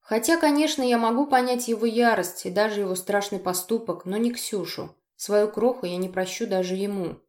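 A woman's voice: medium pitch, normal speed, hardly any pauses, darkish tone. Woman narrating with a roomy echo. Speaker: audiobook narrator. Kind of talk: first-person scripted narration of a dark romance novel.

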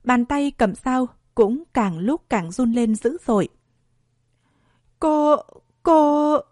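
A woman narrating a dramatic story in a steady storytelling voice. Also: fairly high pitch, a little slow, no echo, clean studio sound.

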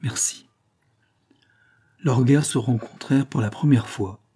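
A man narrating a nineteenth-century novel as an audiobook, in a measured, expressive reading. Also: medium pitch, slightly rough.

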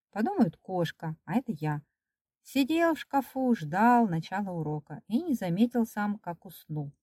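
A woman's voice: medium pitch, warm tone, breathy edge, no room sound, studio quality, recorded from a distance. Woman reading children's stories aloud. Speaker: storyteller.

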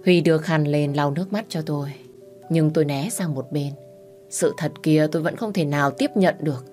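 A woman narrates a first-person audio story in a soft, subdued voice. Her pitch sits low for a woman, and faint music plays underneath. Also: moderate pace.

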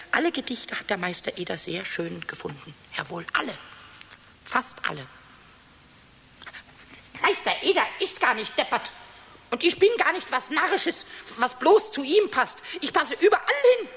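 Pumuckl, creaky-voiced little kobold. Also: male voice, high voice, fairly bright tone, full character voice. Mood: wistful, defiant. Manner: childish, repeats words, sighs and exclaims. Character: cheeky little kobold, childish, easily offended, defiant. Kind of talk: 1970s children's radio play acting. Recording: faint hiss, 1970s radio recording.

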